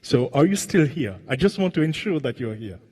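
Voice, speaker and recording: A man from Mauritius moderating a conference panel, halting with many fillers and asking the audience questions. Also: mid-range voice, very animated, warm tone, husky. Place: large conference hall. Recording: long reverb of a conference hall.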